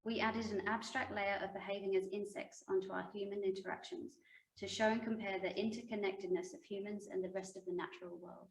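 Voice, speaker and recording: A woman, a circus performer reading out a prepared pitch for her show in a measured way. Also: little pitch movement. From England. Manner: measured, read-aloud delivery. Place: arts centre stage before a live audience. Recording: echoey hall from far off, faint noise.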